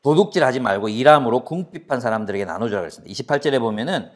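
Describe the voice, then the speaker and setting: A man's voice: mid-range voice, rapid-fire. A man in his forties preaching a sermon as a pastor, asking the audience questions and acting out everyday quarrels. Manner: animated, asks the audience questions, acts out quarrels.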